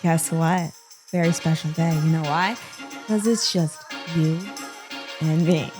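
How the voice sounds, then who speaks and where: A woman's voice: sits low, slow, faint music behind. A woman hosting her own solo podcast about everyday wellness, talking casually and playfully straight to the listener. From American Midwest. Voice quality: chatty, animated, with playful asides. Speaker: podcast host.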